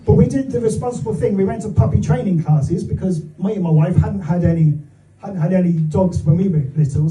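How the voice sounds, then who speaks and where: A middle-aged male comedian with an English accent works a live audience with conversational anecdotes. His voice sits high for a man yet is very mellow and unforced. It is picked up from a distance in the room. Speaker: stand-up comedian. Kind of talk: stand-up comedy in front of an audience. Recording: echoey room, recorded from far off.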